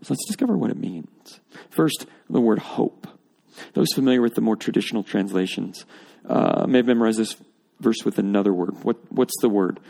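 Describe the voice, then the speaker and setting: A man delivers an expository sermon in a church, walking his listeners through scripture line by line. His voice has a gravelly edge, and he builds emphasis on repeated phrases before dropping back to a quieter, more reflective tone. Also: on the low side, expressive, moderate pace. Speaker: pastor. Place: church or auditorium with congregation.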